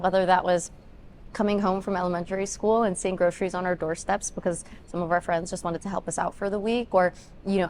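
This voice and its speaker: Twenties woman, political candidate, low creaky delivery, earnest long answers, faint background noise. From Ethiopia, raised in Denver. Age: 20s. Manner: earnest, talks in long run-on points with many ums. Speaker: congressional candidate.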